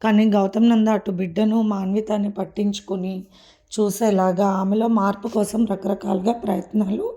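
A woman reading a serial love story aloud in a steady storytelling way. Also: medium pitch, moderate pace, dull audio. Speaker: story reader. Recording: noisy recording.

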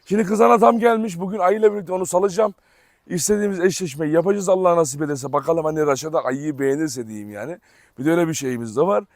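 A man's voice: a little high, fast talker, a little mellow, dry recording, studio quality. A man vlogging outdoors on a farm, chatting to viewers and coaxing his dog to come. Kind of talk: casual chat to camera.

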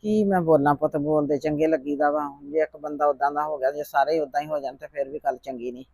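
A man playing a gentle, meek elderly grandmother who talks softly and resignedly, fearing any quarrel. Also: on the high side, steady tone, quick pace, gravelly, no echo. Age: older. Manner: soft-spoken, resigned complaining. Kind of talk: family drama vlog acting.

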